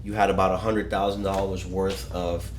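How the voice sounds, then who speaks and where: Man from Ecuador, low voice, halting explanatory talk, casual chat, faint noise behind. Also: level tone, reverberant. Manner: explanatory, hesitant with many fillers. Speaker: guest. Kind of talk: casual podcast conversation.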